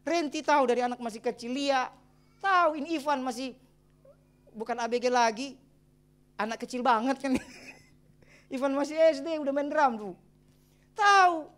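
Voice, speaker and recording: A middle-aged man, a pastor, preaching a sermon and telling his own story in a lively way with exclamations and chuckles. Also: extremely high pitch, normal speed, long pauses. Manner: addresses the congregation as brothers and sisters. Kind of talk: sermon with personal testimony.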